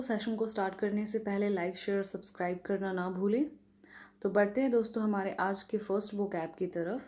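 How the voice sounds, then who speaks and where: A woman with an Indian English accent leads a casual vocabulary lesson, friendly and chatty, with frequent check-ins to her viewers. Her voice sits at an ordinary middle pitch and has a warm, mellow tone. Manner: friendly, repeats "friends" and "okay?" often.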